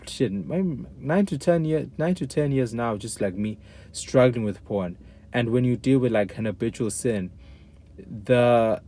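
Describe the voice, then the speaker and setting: A young man talking candidly about his faith, earnest and halting, with many restarts and casual slang. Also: fairly low pitch, warm tone. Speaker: guest sharing testimony.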